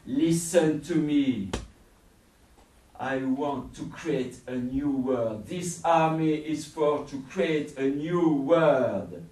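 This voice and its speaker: A man performs a menacing, fox-like recruiter in a live tall tale. The voice is raised high and booms out slowly and commandingly. It rings through an echoey room, away from the mic. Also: a little mellow. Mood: menacing, fanatical. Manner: commanding, booming, deliberate. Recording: roomy, distant mic.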